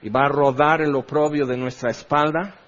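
A man's voice: a little high, steady tone, moderate pace, a bit bright. A middle-aged man with a Mexican accent preaching a sermon as pastor, impassioned and full of rhetorical questions. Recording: dull lo-fi recording.

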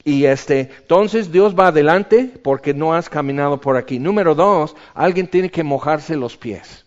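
A man's voice: fairly high pitch, unhurried. Man preaching, lo-fi sound. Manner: conversational teaching with rhetorical questions and asides. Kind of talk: sermon. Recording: dull lo-fi recording.

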